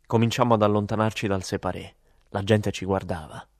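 A man narrating a story as an audiobook, in a calm, measured way. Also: on the low side, no room sound, clean studio sound.

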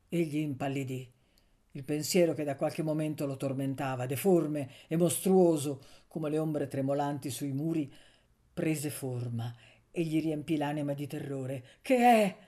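Low-voiced woman reading a novel. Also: warm tone. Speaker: narrator. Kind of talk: audiobook narration of a novel.

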